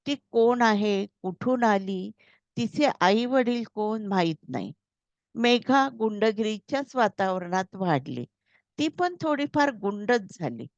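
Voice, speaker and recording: A woman narrating a story in a measured, read-aloud style. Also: medium pitch, expressive, dry recording. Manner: slow, measured reading. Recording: slightly dull, dry recording.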